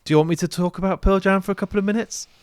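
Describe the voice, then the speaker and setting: A man's voice: high-pitched, steady tone, rapid-fire, smooth, no echo, studio quality. A man co-hosting a music podcast, bantering in a wry, self-deprecating way. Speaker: podcast co-host. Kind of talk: casual podcast chat.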